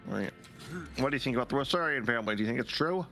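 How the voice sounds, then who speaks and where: A man's voice: mid-range voice, expressive, very fast, pushed and bright, faint music behind. A man playing a story game on a shared stream, reading dialogue aloud and chatting casually, sometimes stumbling over words.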